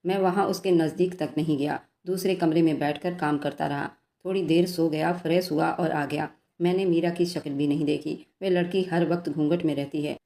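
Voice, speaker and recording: A woman's voice: low voice, steady tone, normal speed, creaky, few pauses. Woman voicing a teasing young husband. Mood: angry. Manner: playful coaxing, sharp when angry.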